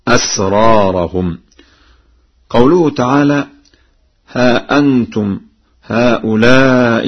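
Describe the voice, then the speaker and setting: Male recitation teacher for an old radio lesson: explains each reading, then chants the verse, unhurried, husky voice, dull archival sound. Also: lowish voice.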